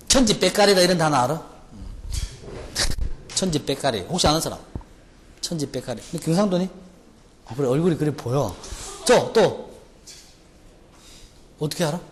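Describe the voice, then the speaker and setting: A man's voice: a little high, animated, measured pace, long pauses. A male teacher with a Gyeongsang accent giving a jokey classroom lecture, firing rhetorical questions at students. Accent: Gyeongsang Korean. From Gyeongsang region, Korea. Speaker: English vocabulary lecturer. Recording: lecture hall reverb, faint noise.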